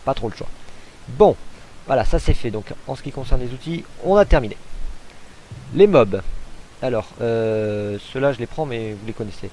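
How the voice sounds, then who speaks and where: Casual gamer narrating gameplay. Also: male voice, mid-range voice, fairly quick, warm tone, a little hiss or hum, low-quality recording. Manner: chatty, hesitant, thinks aloud with fillers. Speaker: gamer showcasing a mod.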